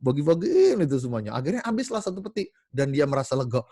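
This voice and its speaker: A man's voice: mid-range voice, big pitch swings, fast, dark tone, slightly rough, no room sound, studio quality. A man speaking casually to his colleagues in a meeting, telling stories with animation and using many fillers and self-corrections. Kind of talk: casual storytelling talk to colleagues.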